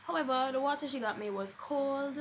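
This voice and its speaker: There's a bit of hiss or hum behind this high-pitched, fairly quick voice. It belongs to a young vlogger with a Jamaican accent who dramatizes a personal story in a casual way, shifting into Patois and voicing the quoted dialogue herself.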